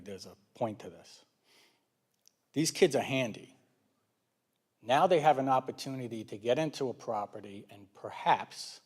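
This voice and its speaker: A man with a light New York accent gives public comment at a town council meeting. His voice sits somewhat low, and he talks in a loose, conversational way, restarting phrases and adding asides. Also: darkish tone.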